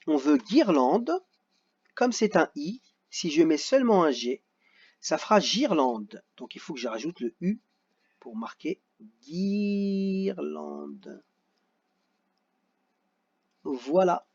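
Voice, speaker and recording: A man with a high, husky voice goes through a kids' worksheet, slowly and animatedly, with lots of rise and fall in his intonation. He sounds out each syllable patiently. The recording has a dull, lo-fi quality.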